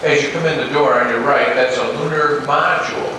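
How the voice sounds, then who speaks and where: A man giving a guided tour to visitors, repeating his relaxed script for each new group, filmed from a distance on an old home VHS camcorder tape. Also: mid-range voice, fairly quick. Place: large exhibit hall indoors. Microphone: far camcorder mic. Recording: echoey hall on a noisy old VHS tape.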